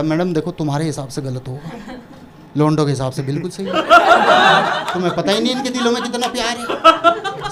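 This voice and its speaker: A man from Uttar Pradesh, India performs a stand-up comedy set, animatedly telling stories and acting out dialogue for a laughing audience. His voice is high-pitched, and there's heavy background noise.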